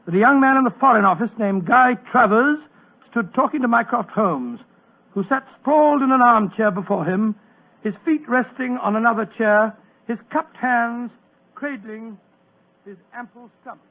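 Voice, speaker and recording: A man's voice: very high-pitched, moderate pace. An actor playing a genial older British doctor, avuncular as he tells stories in a 1940s radio drama. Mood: reminiscing. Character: genial old British doctor recounting his adventures. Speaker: storyteller. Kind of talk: 1940s radio acting, storytelling. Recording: old muffled 1940s radio recording.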